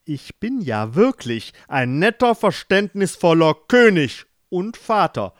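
A man voicing an irritable, blustering middle-aged king who shouts in exasperation. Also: on the high side, sing-song, unhurried, dry recording, clean studio sound. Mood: furious.

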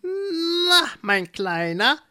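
A storyteller voicing a coy, calculating old female herb witch in a high, drawn-out, sing-song voice for a children's storybook. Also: very animated, pushed and bright, heavily acted.

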